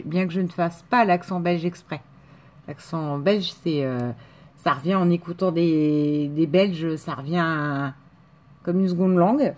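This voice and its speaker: A woman's voice: lowish voice, darkish tone. A woman in a casual chat, opening mail on camera, gushing and exclaiming as she goes, with lots of fillers.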